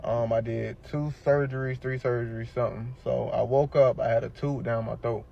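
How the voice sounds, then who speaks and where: A man's voice: medium pitch, steady tone, normal speed, creaky, mellow. A young man recounts his story in a loose, casual way. He slips into the voices of other people as he quotes them. The clip sounds a little dull and lo-fi. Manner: loose, conversational retelling with quoted dialogue. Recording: slightly dull lo-fi clip audio.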